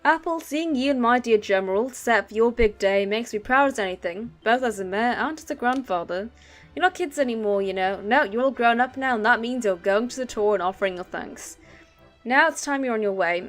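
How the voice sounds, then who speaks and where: A woman's voice: on the high side, brisk, soft background music, close to an everyday voice. Kindly elderly male mayor of a game village, proud and fatherly, read plainly by a woman. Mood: fond. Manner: read aloud from on-screen text.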